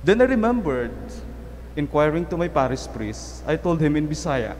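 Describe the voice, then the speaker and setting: A Filipino priest delivers a conversational homily into a stand mic at a church lectern, telling a story and often repeating himself. His voice is a little high, sing-song, and darkish, at normal speed. The church sanctuary is reverberant, with faint ambience and slight background noise.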